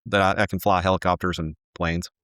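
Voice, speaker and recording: Low-voiced man, earnest and halting. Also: level tone, a bit bright, dry recording, studio quality. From Texas. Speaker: home builder, guest. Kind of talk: casual interview answers.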